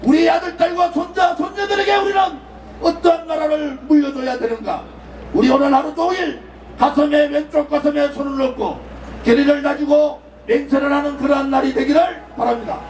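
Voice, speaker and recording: An impassioned man with a strained, very high shouting voice addresses an outdoor rally. He stretches out each slogan and leads the crowd in chants. The sound is echoey and far from the mic, with a crowd murmuring behind him. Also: fairly even intonation, brisk, vocal fry. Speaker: political party speaker at a rally. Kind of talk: fiery rally speech with call-and-response chants. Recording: echoey, distant, with crowd noise.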